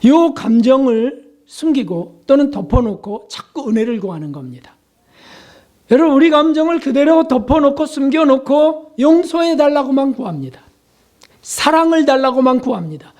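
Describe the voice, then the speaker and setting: A man, a pastor, preaching a sermon in an earnest conversational way, asking the congregation questions and acting out prayers in a softer voice. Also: big pitch swings, normal speed. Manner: shifts into quoted prayers, softer and lower, at times whispered.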